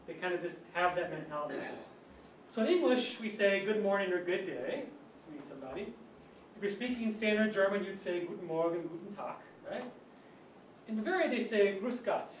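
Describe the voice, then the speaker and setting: A man with a fairly high voice gives a relaxed academic talk, full of chatty asides and self-amused anecdotes. He is picked up from some distance in a reverberant lecture hall with a faint background hum. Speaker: physics colloquium speaker.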